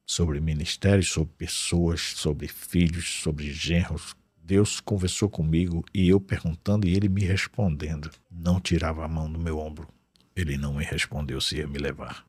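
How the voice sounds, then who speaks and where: A man giving an emotional faith testimony in a studio, earnest, swinging between loud bursts and hushed low tones. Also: husky, no echo.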